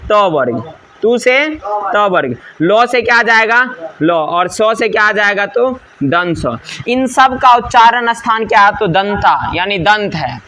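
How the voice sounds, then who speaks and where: A man's voice: high voice, pushed and bright. A male teacher, giving a grammar lesson that drills rules by asking and answering his own questions.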